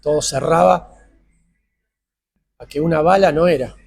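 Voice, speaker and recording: Gravelly high-voiced Argentine man. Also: a little slow, darkish tone. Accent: Argentine Spanish. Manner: retells dialogue in quoted voices, tense. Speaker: interviewee, father. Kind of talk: emotional personal account.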